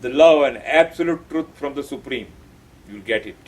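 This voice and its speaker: A man's voice: medium pitch, normal speed, poor audio. A man giving an earnest devotional talk on a poem, stressing his points by repeating key phrases. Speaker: spiritual teacher explaining a poem.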